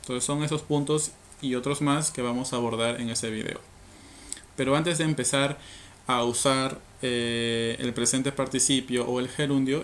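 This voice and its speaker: A man's voice: mid-range voice, fairly bright tone, slight background noise. A man teaching English grammar to learners, explaining rules patiently step by step, with frequent fillers and tag questions.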